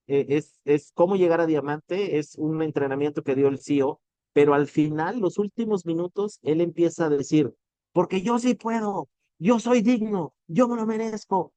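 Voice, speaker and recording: A man's voice: fairly high pitch, dark tone, no echo. Earnest Mexican man giving motivational talk. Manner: earnest, preachy, swears casually, addresses listener directly. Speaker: motivational business speaker.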